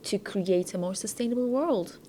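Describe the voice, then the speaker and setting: A woman's voice: mid-range voice, moderate pace, mellow, slight background noise. A woman hosting a podcast interview, asking questions with hesitant restarts. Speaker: podcast host.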